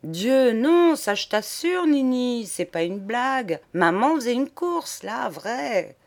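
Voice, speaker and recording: A woman's voice: on the high side, very animated, slow, a little mellow, voice pushed up, heavily acted. A woman voicing a slender, sly teenage boy who drawls his reassurances. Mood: reassuring.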